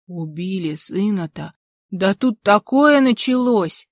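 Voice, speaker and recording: A woman's voice: medium pitch, expressive, slow pace, dry recording, studio quality. A woman doing a folksy old village storyteller. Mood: folksy storytelling. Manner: folksy, emphatic, rustic speech.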